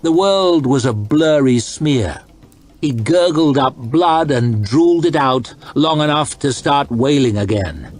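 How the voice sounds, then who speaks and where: Calm, husky male storyteller. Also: mid-range voice, slow pace, faint music behind. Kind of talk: ASMR storytime narration.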